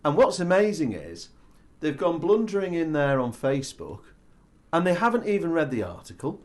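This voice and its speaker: Animated, sardonic man co-hosting. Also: a little high, normal speed. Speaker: podcast co-host. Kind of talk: casual chat and banter.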